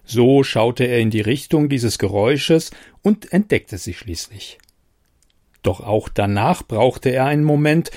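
Man reading a story, lively pitch. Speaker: narrator.

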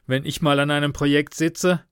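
A man's voice: on the high side, level tone, moderate pace, a bit bright, clear, resonant tone, no room sound, pitched above the performer's own voice, close to an everyday voice. A young man gasps for air between words, raised and strained above the narrator's usual voice. He sounds shaken and haunted, an asthmatic pushing himself too hard, as a male narrator acts him out in a read-aloud story. The delivery is close and dry, with no room around it. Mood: breathless. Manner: panting, gasping between words.

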